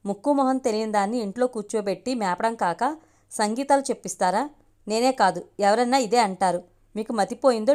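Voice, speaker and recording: A woman voicing a haughty, scornful young woman with a sharp tongue in an audio story. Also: a little high, close to an everyday voice. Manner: taunting, defiant.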